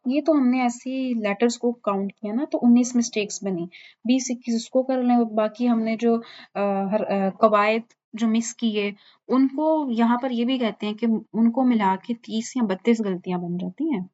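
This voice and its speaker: A woman teaching tajweed, explaining in mixed with English and reciting verses slowly to show mistakes. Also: fairly high pitch, a little mellow. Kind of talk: informal online lesson. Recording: dull lo-fi recording.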